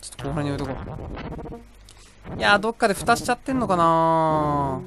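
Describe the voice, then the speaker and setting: A man's voice: a little high, expressive, a little fast, noisy background. A young man casually commentating a video game he is playing, talking to himself, rambling between exclamations. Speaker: gameplay commentator. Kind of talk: casual let's-play commentary. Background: game music.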